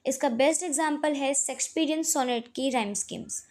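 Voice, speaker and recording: A woman teaching literature, reading English definitions slowly and then explaining them in Hindi. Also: high-pitched, a little mellow. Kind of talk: lecture explaining literary terms.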